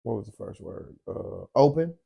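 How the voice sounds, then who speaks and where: A tired man with a very dark, mellow voice talks in a laid-back, rambling way, trailing off with ums while he hunts for words. He chats casually, like a late-night host winding down. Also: fairly low pitch, expressive, normal speed, creaky, husky. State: tired, yawning. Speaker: podcast host.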